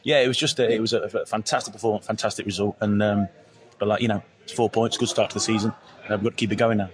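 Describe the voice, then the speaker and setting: A man's voice: on the low side, steady tone, fast talker, a crowd in the background. A man, a football coach, speaking in a post-match interview with his voice partly gone, upbeat and often saying "you know". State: voice partly lost.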